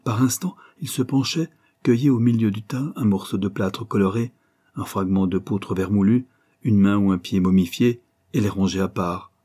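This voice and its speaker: A man narrating an audiobook story in a measured, expressive reading. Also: fairly low pitch, breathy edge.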